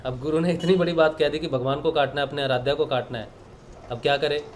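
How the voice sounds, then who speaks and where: A man's voice: on the high side, fairly even intonation, fast talker, a little hiss or hum. A man from Punjab leading a meditation session, giving an earnest, reflective spiritual discourse woven with stories. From Punjab, India.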